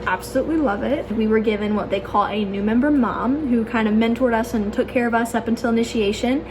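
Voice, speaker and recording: A woman's voice: on the high side, fairly quick. A young adult woman telling a personal story casually, as a vlogger, in a chatty, gushing way full of filler "like"s and exclamations. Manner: chatty, gushing, peppers talk with "like" and "oh my gosh". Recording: clear background noise.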